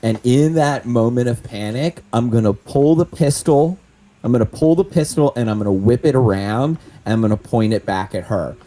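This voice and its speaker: Guy at a tabletop game, warm dark voice, thinks out loud, restarts a lot. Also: medium pitch, normal speed. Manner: thinking aloud, restarting sentences. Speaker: player. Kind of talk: casual tabletop play.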